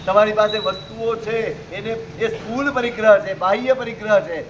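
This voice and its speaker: Very high-voiced male preacher, questioning. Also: fairly even intonation, moderate pace, slight background noise, low-quality recording. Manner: rhetorical questions, exhorting listeners. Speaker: Jain preacher. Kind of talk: sermon to a live audience.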